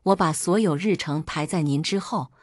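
A woman's voice: deep voice, moderate pace, a little mellow, no echo, clean studio sound. A woman voicing a flustered young secretary. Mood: nervous.

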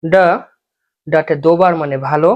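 A language teacher giving a spoken alphabet lesson, patiently going letter by letter and repeating each example word slowly for learners. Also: medium pitch, fairly even intonation, muffled recording.

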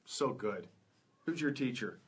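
A husky-voiced man teaches English pronunciation at an unhurried pace. He says each word again and again and praises his students between drills. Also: medium pitch, animated. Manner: models each word several times and praises warmly. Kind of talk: slow, repetitive pronunciation lesson.

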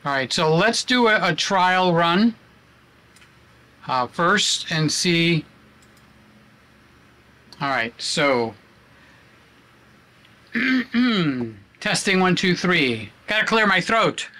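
A man's voice: high voice, sing-song, drawn-out words, long pauses, sharp tone. A man vlogging at home, chatting with many fillers as he sets up his camera on a tripod in a room he uses as a studio. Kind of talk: casual vlog talk.

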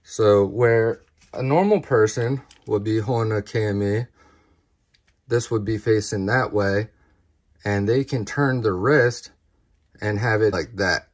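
A man's voice: on the low side, a little slow. A man hosting a knife review channel, talking casually and plainly to his viewers as he shows off parts. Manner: relaxed, plain-spoken, addresses viewers as guys.

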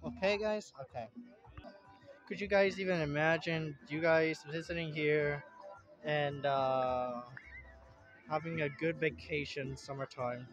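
A young vlogger from Puerto Rico rambles casually while filming a beach vlog, walking with his phone in hand through an outdoor beach park and in and out of a tent. His slightly high, somewhat bright voice keeps a steady tone, and he talks in an unhurried, plain-spoken way. Soft background music plays, and the phone audio sounds dull and lo-fi.

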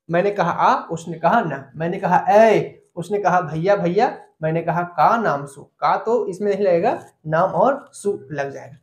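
A man teaching an online grammar lesson. He explains step by step, repeats the key points and asks his students questions. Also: high voice. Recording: echoey room.

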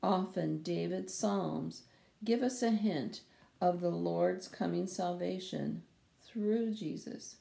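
An older woman in her sixties reads a children's Bible lesson in a slow, measured way, fixing small slips as she goes. Her voice is low with a gravelly edge. The sound is echoey, as from a bare room at home on a laptop camera. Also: mellow. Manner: slow, careful reading with small slips corrected. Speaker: children's Sunday school teacher. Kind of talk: reading a Bible lesson aloud. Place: small room at home, wooden door behind. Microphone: webcam or laptop camera at close range.

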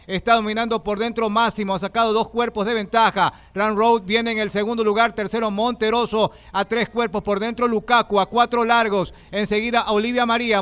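High-pitched man calling a race live. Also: smooth. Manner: excited, urgent calling that builds in intensity. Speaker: horse racing commentator. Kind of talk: live race commentary, like a motorsport commentator. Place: live broadcast from a racetrack.

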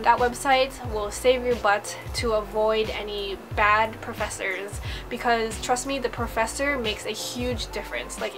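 A woman in her twenties from Hawaii, giving upbeat casual advice to the camera from her bedroom and saying "like" often. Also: a little high. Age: 20s. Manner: chatty, upbeat, lots of "like". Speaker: vlogger. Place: bedroom, indoors. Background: background music.

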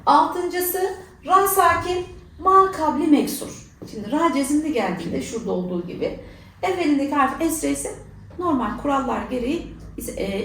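A woman's voice: high voice, a little hiss or hum. A woman teaching a Quran recitation lesson, explaining rules and then asking and answering her own questions. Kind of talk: tajweed lesson. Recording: echoey room, voice from far off.

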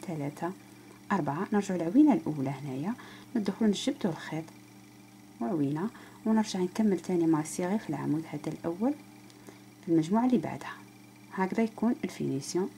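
Algerian woman, crochet tutor, fast and gravelly, counts stitches aloud, faint hum. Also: fairly low pitch, mellow. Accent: Algerian Arabic. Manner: counts stitches aloud, addresses viewer directly. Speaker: crochet teacher. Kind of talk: step-by-step craft tutorial.

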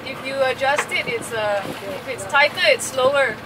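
A woman with a high voice talks from the helm of a sailboat, hesitant and often restarting mid-sentence. Loud wind buffets the camera mic on open water. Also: normal speed. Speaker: vlogger learning to sail.

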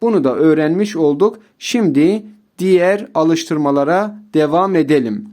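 A man teaching Quran reading in a recorded lesson, explaining rules and reciting practice words slowly, often addressing his viewers as dear friends. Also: fairly high pitch, lively intonation, dark tone.

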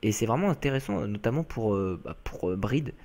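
Young french dude, lowish voice, rambling let's play chat with lots of fillers. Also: male voice, expressive, a little fast, darkish tone. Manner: chatty, many fillers, talks to viewers. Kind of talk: casual gameplay commentary.

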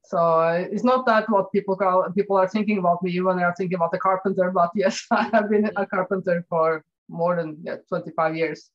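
A Norwegian woman in her fifties, a non-native English speaker, appears as an interview guest and talks hesitantly with many fillers. Her voice is on the low side and steady, brisk with few pauses, and the audio sounds dull.

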